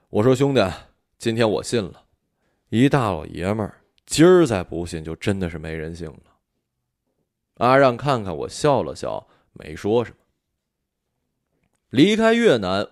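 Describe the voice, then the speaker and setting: A man narrating an audiobook story in an expressive, animated storytelling manner. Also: fairly low pitch, no echo, clean studio sound.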